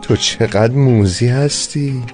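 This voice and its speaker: A man dubbing a lively, exasperated young man in a drama. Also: medium pitch, soft background music, lightly acted. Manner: animated, exasperated. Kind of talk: dubbed drama dialogue.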